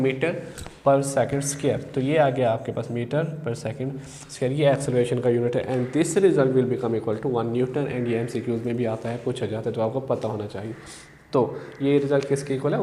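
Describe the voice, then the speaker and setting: A man teaching a physics lesson, asking himself questions and answering them step by step, and slowing down to recite English definitions. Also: mid-range voice, darkish tone. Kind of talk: classroom lecture. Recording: echoey hall with faint background noise.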